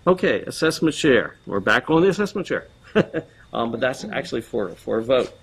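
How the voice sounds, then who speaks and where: A man's voice: mid-range voice, big pitch swings, moderate pace, creaky, noisy background. A man chairing a board meeting, running through agenda items in a procedural way with frequent ums.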